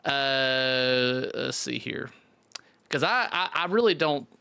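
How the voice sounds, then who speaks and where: A man's voice: medium pitch, lively intonation, slow pace, vocal fry, pushed and bright, a little hiss or hum. A man hosting a casual live chat stream, talking in a chatty, informal way. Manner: chatty, informal with occasional swearing.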